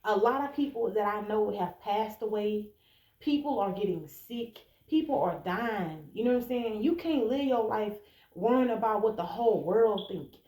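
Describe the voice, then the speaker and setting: An expressive American woman of about thirty-one, her voice warm and mid-range at a moderate pace, gives the listener direct relationship advice. The informal monologue is blunt, casual and emphatic. Faint background noise and room echo are audible.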